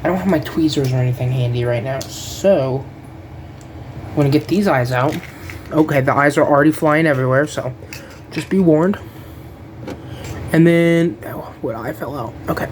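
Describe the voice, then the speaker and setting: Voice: mid-range voice, normal speed, long pauses, noisy background. Rambling casual action figure reviewer. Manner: rambling, loses track of names, casual swearing.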